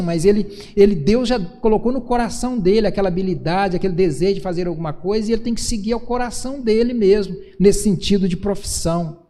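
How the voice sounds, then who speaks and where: Brazilian pastor preaching in a reverberant church. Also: male voice, high-pitched, dark tone. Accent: Brazilian Portuguese. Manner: earnest preaching with many restarts and acted quotes of parents. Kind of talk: sermon. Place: church sanctuary.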